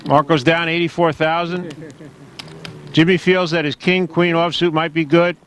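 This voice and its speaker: A man's voice: fairly high pitch, flat delivery, normal speed, a bit bright. Wry poker commentator man, raised voice. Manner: wry, joking. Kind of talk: tournament commentary.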